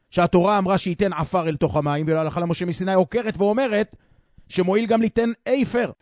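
A man explaining a Talmud page in a steady reading manner, slowing down to stress key phrases. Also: high-pitched, dry recording, clean studio sound. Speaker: Talmud teacher.

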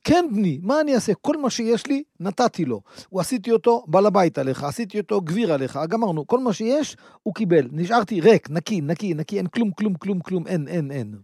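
An old biblical father, sorrowful and resigned, who trails off into hush. A male preacher acts him out. His voice is pitched up and the sound is dry. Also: lively intonation, breathy edge, dry recording, exaggerated voice. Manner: sighing, resigned, trailing off quietly.

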